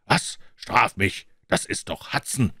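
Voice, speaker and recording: A man reading the lines of a nervous elderly country gentleman in a storybook, speaking in a startled, hurried way. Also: lowish voice, animated, slightly rough, no room sound, clean studio sound, heavily acted. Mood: uneasy.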